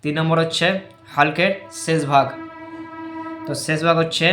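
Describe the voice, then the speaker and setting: A man giving an informal lesson, explaining patiently and loudly repeating the letter sounds for practice. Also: a little high, fairly even intonation, moderate pace, reverberant, soft background music. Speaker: teacher of Quran letter pronunciation.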